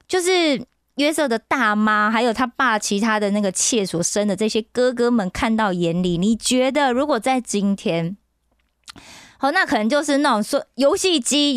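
A woman narrates a youth Bible story with lots of bounce, pulling listeners in with constant questions. Her voice sits on the higher side. The recording is close and dry, with no room around it. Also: clean tone, no echo. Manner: animated, keeps asking listeners questions. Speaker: radio storyteller.

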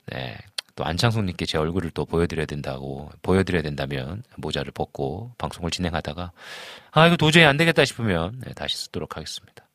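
Speaking a little fast in a deep, animated voice, this man in his forties is a pastor running a live stream on a dry recording. He reads out viewer comments and chats casually, offering warm greetings, chuckling often, and using many fillers.

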